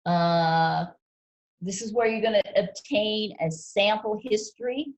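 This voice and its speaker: A woman instructor lecturing a ski patrol class, relaxed and conversational, quizzing students as she goes. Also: medium pitch, takes it slowly, low-quality recording. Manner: relaxed, conversational teaching with fillers and quizzing questions.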